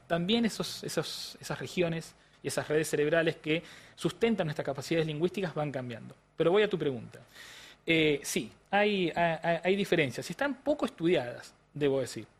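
An Argentine man, a language neuroscientist appearing as an interview guest, explains research on the brain and language with an Argentine Spanish accent. His slightly raised voice sits on the high side with a breathy edge. Like a patient teacher, he restarts phrases, hesitates often and keeps checking that the listener is following.

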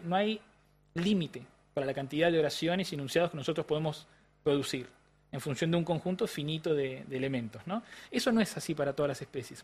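A man with a Rioplatense Spanish accent, explaining science in a didactic interview style with frequent tag questions. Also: on the high side. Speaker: neuroscientist guest.

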